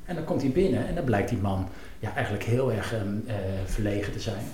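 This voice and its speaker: A man's voice: fairly low pitch, lively intonation, fairly quick. Man, ex-football executive guest, thoughtful and hesitant, echoey room, faint hum behind. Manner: thoughtful, hesitant, full of fillers and self-questions. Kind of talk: reflective conversation. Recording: roomy with faint ambience.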